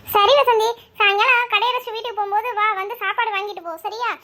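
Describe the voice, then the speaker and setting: A woman voices a firm older cartoon mother who scolds and comforts her family. The voice is very high, bright and quick. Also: fairly even intonation. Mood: firm, comforting.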